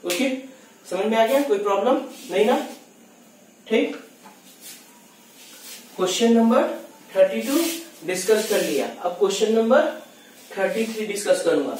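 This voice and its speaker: A man teaching maths to students, reading exam questions slowly and working through them step by step. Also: high-pitched, expressive, darkish tone. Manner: talks to students as kids, reads questions slowly, explains step by step. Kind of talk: exam solution lesson. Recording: very echoey room, distant mic, faint noise.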